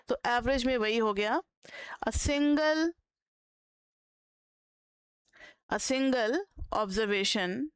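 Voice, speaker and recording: A woman's voice: a little high, smooth, no room sound. A woman with an Indian accent teaching an online economics class, explaining step by step, asking students questions and dictating notes word by word. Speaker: economics tutor. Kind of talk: online lecture.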